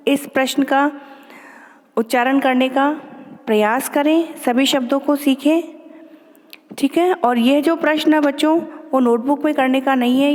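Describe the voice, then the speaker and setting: A woman teacher giving an online lesson to children, patiently drilling words slowly and explaining in a mix of Hindi and English. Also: sits high, darkish tone, big-room sound. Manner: slow, careful word-by-word pronunciation drills.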